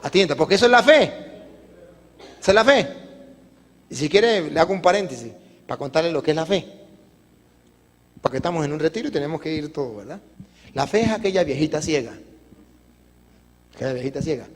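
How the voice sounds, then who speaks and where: Priest preaching at a retreat, high voice, big hall with long reverb, lively storyteller. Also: male voice, fairly quick, pauses often. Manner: animated storytelling, acting out characters' voices.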